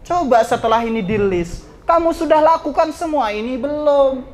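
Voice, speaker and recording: Male ustadz, lively classroom sermon, loud exhortations mixed with jokes. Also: very high voice, moderate pace. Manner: swings between shouting and soft asides, teasing jokes. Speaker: ustadz teaching students. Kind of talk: lively religious talk to students.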